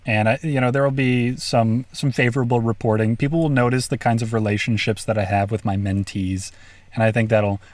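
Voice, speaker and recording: A man's voice: mid-range voice, fairly even intonation, brisk, dry recording. A man chatting casually on a podcast, his jokes delivered with a straight, mock-serious face. His voice sits in a middling register. The sound is dry and close, with no room around it. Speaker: podcast co-host. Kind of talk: casual chat.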